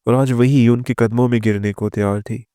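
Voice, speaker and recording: A man narrating a scripted moral story in a steady, even delivery. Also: medium pitch, clean tone, no room sound, clean studio sound.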